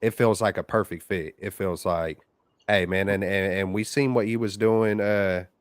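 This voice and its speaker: An American man phoning in to a sports show over the phone, chatting casually and excitedly in slangy, informal fan talk. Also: lowish voice, moderate pace, clean tone, dry recording, studio quality. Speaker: caller on a live sports call-in show.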